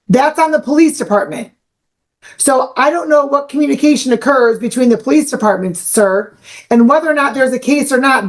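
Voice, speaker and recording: A young woman serves as the judge, her voice sitting a little high. She speaks firmly and sternly, laying out court procedure in a measured way. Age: young adult.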